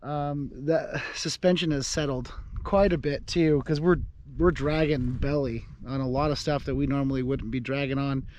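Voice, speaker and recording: A man's voice: medium pitch, steady tone, normal speed, darkish tone, a little hiss or hum. A young man chatting casually outdoors beside his off-road vehicle, rambling with many fillers and restarts. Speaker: off-road vlogger. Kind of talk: casual chat on camera.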